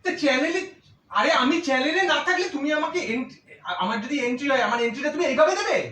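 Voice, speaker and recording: A man's voice: very high-pitched, fast talker, pushed and bright, roomy sound, recorded from a distance, slight background noise. A man with a Bengali accent, a husband arguing indignantly with his wife, scolding her and repeating himself. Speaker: husband in a prank video. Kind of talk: heated domestic argument.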